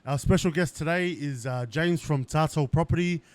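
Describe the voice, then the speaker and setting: A man hosts a casual podcast chat. He talks eagerly in a slightly raised pitch and fills his sentences with "like" and "you know what I mean." His voice sits dry and close, with no room sound around it. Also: moderate pace, a little mellow, no room sound. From Australia. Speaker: podcast host. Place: indoors at a company's headquarters.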